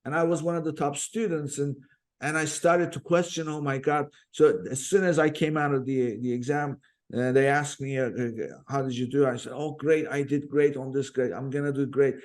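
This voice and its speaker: A man's voice: mid-range voice, steady tone, normal speed. Man from turkey, podcast host, earnest storyteller, lots of fillers and restarts. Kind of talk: conversational interview.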